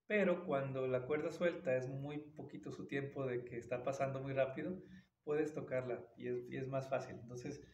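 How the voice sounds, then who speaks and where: Gravelly man teaching violin. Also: medium pitch, fairly even intonation, normal speed, darkish tone, lo-fi sound. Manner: explains patiently, talks between played passages. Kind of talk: casual tutorial explanation. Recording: roomy, mic at a distance, violin behind. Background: violin playing.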